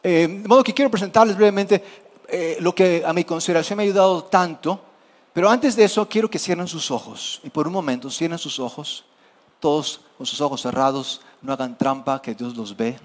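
A man's voice: fairly high pitch, fairly quick. A man, preaching a sermon in a conversational way and asking the congregation questions. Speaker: pastor.

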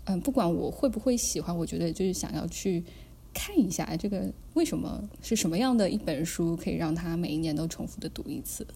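A woman co-hosting a podcast, talking about books in a calm, measured way and retelling their content in detail. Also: lowish voice, gravelly, slightly rough. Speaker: podcast co-host. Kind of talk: casual book chat.

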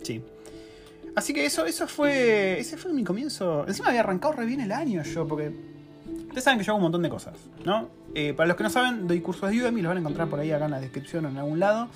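Speaking quickly and expressively in a high-pitched voice over music, this Rioplatense Spanish-accented co-host in his thirties spins a slangy, self-deprecating story in casual chat. He also creates courses.

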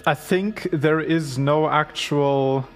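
A man's voice: on the high side, steady tone, takes it slowly, soft background music. A man talking casually at a tabletop game, explaining things hesitantly.

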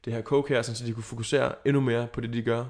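A man's voice: mid-range voice, flat delivery, a little mellow. Man spinning a playful story. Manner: playful, acts out characters' lines. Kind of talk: casual improvised storytelling chat.

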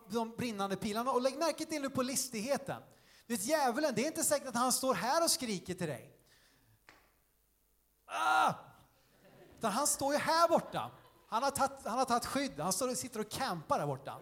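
A high-voiced male preacher delivering a lively sermon in a church hall. He talks conversationally, full of fillers, and acts out his points with sudden shouts and sound effects. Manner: animated, demonstrative, conversational with many fillers.

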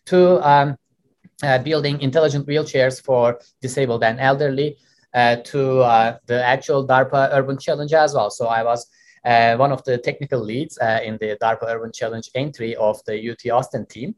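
A Turkish man, a native Turkish speaker and company co-founder, answers interview questions as a guest. He speaks in a measured way at a medium pitch with a steady tone, using many "uh" fillers.

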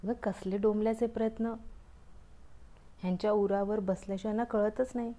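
A woman voicing a grumbling, indignant male rain cloud who talks loudly and scolds. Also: mid-range voice, fairly even intonation, normal speed, close to an everyday voice. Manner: loud, complaining and scolding.

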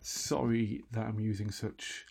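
Guy rambling quietly at home late at night, raspy gravelly voice, self-deprecating radio chat. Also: on the low side, steady tone, unhurried. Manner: self-deprecating, wry, full of asides and restarts; talking quietly, half-whispering at times. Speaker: radio host. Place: room in his own house at night.

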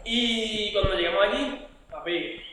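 A man's voice: high voice, unhurried, crowd noise. A man, a podcast guest in casual chat, telling a story loosely and laughing at it. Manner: loose storytelling, laughs at his own tale. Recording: roomy echo, far from mic, faint noise.

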